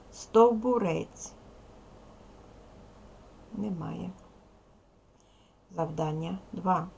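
A woman's voice: lowish voice, gravelly, slight background noise, rough recording. A woman teacher giving a video lesson to young pupils, carefully over-pronouncing sounds and giving instructions. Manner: addresses pupils with instructions and questions. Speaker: primary school teacher. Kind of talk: video language lesson for children.

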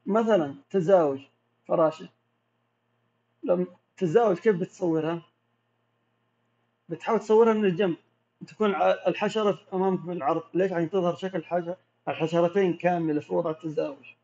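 A man with a Gulf Arabic accent, a macro photographer who answers viewer questions in a relaxed, explanatory way during a casual live Q&A. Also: high voice, fast, pauses often. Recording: dull lo-fi audio.

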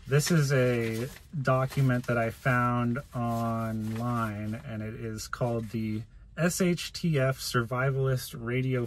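A video host in his thirties walks through his gear hands-on while seated in a parked van cab, keeping his explanation plain and informal. He has a mid-range voice, with slight noise in the background.

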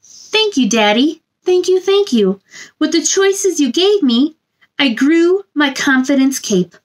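A woman in her thirties with a high, animated voice speaks slowly as she hosts a children's story time in a small indoor room. She reads a picture book aloud and chats with young viewers, keeping her words expressive and simple.

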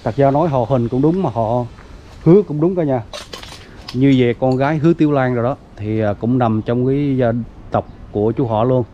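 A male vlogger with a mellow, mid-pitched voice gives a casual walking tour of an old family grave site, beginning outdoors at the cemetery gate. He speaks at a moderate pace, chats with plenty of fillers, and addresses his viewers as "everyone." Faint outdoor noise sits behind the dull, lo-fi audio.

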